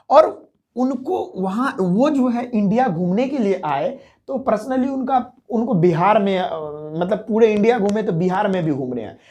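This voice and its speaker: A male teacher talks through memory tricks in a hushed voice, recorded in a room at home at night. He keeps asking his own questions and answering them right away, in an easy, repetitive classroom manner. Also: high-pitched. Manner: asks a question, then answers it himself; speaks softly to keep from waking others. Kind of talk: exam memory-trick lesson.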